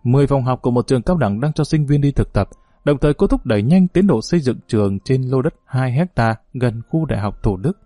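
A man reading a novel aloud as scripted audiobook narration, steady and measured. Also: mid-range voice, no room sound, studio quality, soft background music.

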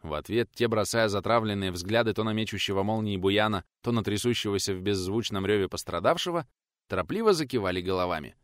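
A man narrating an audiobook in an expressive storytelling manner. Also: fairly low pitch, quick pace, no room sound, clean studio sound.

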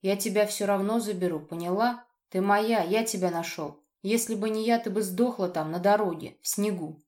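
A woman reading an audiobook, voicing a volatile, threatening young man with a rough way of talking. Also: medium pitch, normal speed, few pauses, a little mellow, close to an everyday voice. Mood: menacing.

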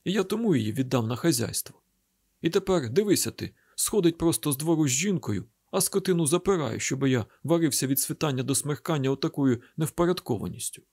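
A bitter old village father rails at the world in a slightly high, husky voice, played by a man. He is grieving and reproachful, a weathered cattle healer in an audiobook drama. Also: animated, a little fast, darkish tone. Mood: aggrieved.

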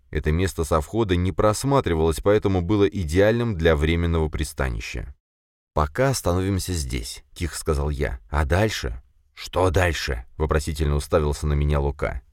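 A man narrating a first-person fantasy audiobook in an expressive reading. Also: very deep voice, a little fast, few pauses, dry recording, studio quality.

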